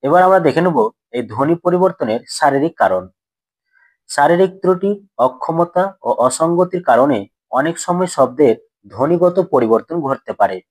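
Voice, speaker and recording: Husky male teacher quizzing his class. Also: a little high, expressive, moderate pace, no echo, poor audio. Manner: asks questions then answers them himself, repeats key points. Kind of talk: grammar lesson for school students.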